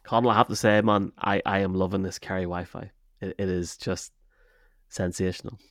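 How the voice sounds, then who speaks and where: Deep-voiced Irish man hosting sports chat. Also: steady tone, moderate pace, no echo, studio quality. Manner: chummy, addresses guests as man and boys. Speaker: podcast host.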